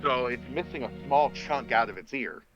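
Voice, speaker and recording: A man narrating as game master in a relaxed, filler-filled way. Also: mid-range voice, moderate pace, dull audio, over music. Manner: relaxed, uses many fillers.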